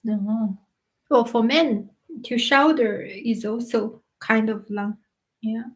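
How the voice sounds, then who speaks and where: A woman in her thirties hosting a casual live stream, chatting and answering viewers' questions, often pausing to search for words. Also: fairly high pitch, fairly even intonation, poor audio. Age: 30s. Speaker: livestream host.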